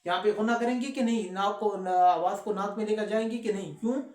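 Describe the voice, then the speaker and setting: A man teaching recitation rules, who recites verses slowly and drawn out between quick explanations and asks his students questions. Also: high voice, darkish tone, roomy sound. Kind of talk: recorded lesson with slow recitation.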